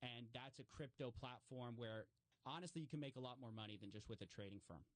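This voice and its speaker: A man talking casually and explaining at length, animated, with frequent fillers and restarts. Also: mid-range voice, fast talker, no echo.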